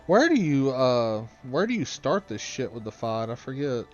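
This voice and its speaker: Man hosting a let's play, middle pitch, cursing and joking, dull lo-fi sound with faint game music. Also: very animated, moderate pace. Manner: rambling, profane, joking. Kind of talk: casual gaming chat.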